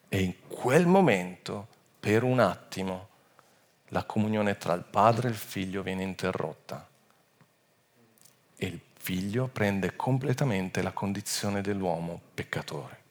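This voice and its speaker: A man with a somewhat low voice preaches a sermon, teaching through a Bible passage. He swells to loud, emphatic peaks and then sinks back to low, quiet phrases, often breaking off and restarting words mid-phrase.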